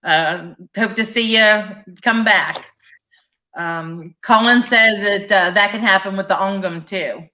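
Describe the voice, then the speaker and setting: A woman's voice: medium pitch, takes it slowly, bright, forceful tone, slight background noise. A woman hosting a live stream, reading viewer comments aloud and chatting agreeably. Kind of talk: casual live-stream chat.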